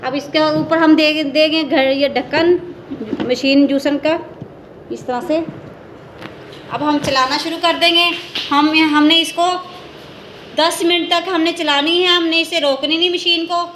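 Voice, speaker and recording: A high-voiced woman hosts a homemade cooking video, talking the viewer through each step in a chatty, show-and-tell way. Her tone is bright and forward, with a faint hum of room sound behind her. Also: steady tone, measured pace, pauses often. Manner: chatty, keeps pointing things out step by step. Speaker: home cooking vlogger. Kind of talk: casual cooking demonstration.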